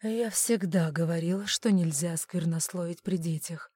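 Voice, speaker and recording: A woman voicing a cold, detached male mentalist villain in an audiobook, speaking slowly and softly with quiet menace. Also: on the low side, breathy edge, dry recording. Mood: menacing. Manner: slow, soft-spoken and coolly menacing. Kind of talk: audiobook character voice.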